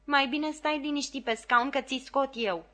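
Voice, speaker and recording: A fussy, bossy male theatre dresser, voiced by a woman reader, pitched up and lecturing in a storybook reading. He scolds and instructs as if no one could tell him otherwise. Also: fairly bright tone.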